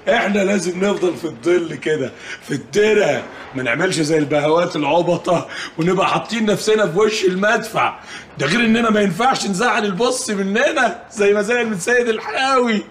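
Scheming egyptian gangster, tv drama, high voice, echoey space, bit of noise. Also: male voice, brisk, fairly bright tone. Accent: Egyptian Arabic. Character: scheming, gleeful gang leader.

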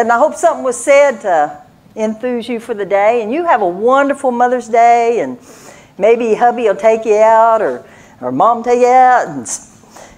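Older woman, sermon, folksy storytelling, slightly high voice. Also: darkish tone. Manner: folksy storytelling with frequent laughs. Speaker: church speaker.

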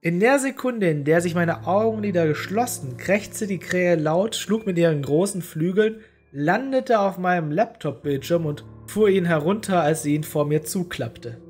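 Story narrator: woman with a lowish voice, even and deadpan, faint music bed. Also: moderate pace. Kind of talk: audio horror story reading.

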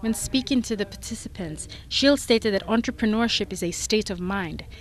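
A woman's voice: mid-range voice, normal speed. Woman reading a news report. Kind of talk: scripted narration.

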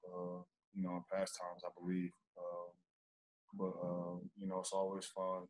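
A young man, a basketball player, answering reporters' questions calmly after a game over a video call. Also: unhurried, rough recording. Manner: low-key, even, steady delivery. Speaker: basketball player at postgame press conference. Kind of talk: postgame interview answers. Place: indoor press backdrop, remote video call.

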